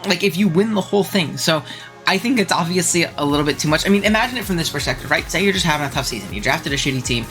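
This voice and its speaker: Over soft background music, this congested young man hosts his channel, his slightly high voice moving fast as he casually and animatedly discusses viewer takes. Ums and laughter come often.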